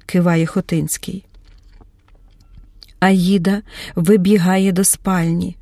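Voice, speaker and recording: Audiobook narrator, woman, mellow tone, close dry recording, dramatic delivery with voiced characters. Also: flat delivery, takes it slowly, no echo. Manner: shifts pitch and pace to voice the characters.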